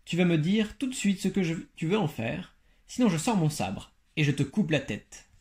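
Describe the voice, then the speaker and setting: A man's voice: a little high, big pitch swings, moderate pace, a little mellow. A man doing a brash young soldier.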